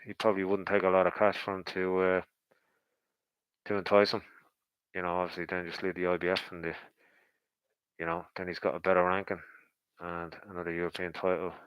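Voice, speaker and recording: Low-voiced man giving casual boxing commentary. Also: flat delivery, fairly quick, pauses often, smooth, no echo, highs cut off. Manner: conversational, speculative, thinking aloud. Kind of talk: casual, rambling fight commentary.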